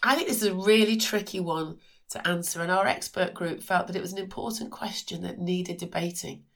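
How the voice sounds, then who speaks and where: A middle-aged woman with a croaky voice from a cold, hosting a podcast in a measured, reflective monologue. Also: lowish voice, steady tone, fairly bright tone. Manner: measured, reflective delivery with occasional restarts. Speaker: podcast host.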